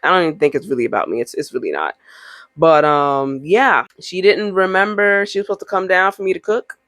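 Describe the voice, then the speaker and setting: A woman's voice: on the low side, brisk, a bit bright, dry recording. A woman giving a casual, encouraging tarot reading straight to the viewer, talking in a chatty way with emphatic asides. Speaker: tarot reader.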